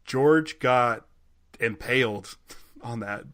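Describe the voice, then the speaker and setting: A man's voice: mid-range voice, drawn-out words, a bit bright. Chatty man co-hosting a podcast. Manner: chatty, laughs easily, some hesitations. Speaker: podcast co-host. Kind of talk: casual chat.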